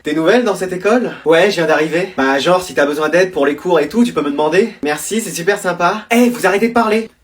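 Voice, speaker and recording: Sketch performer, multiple comic roles, brisk teasing exchanges. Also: mid-range voice. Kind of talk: comedy sketch acting.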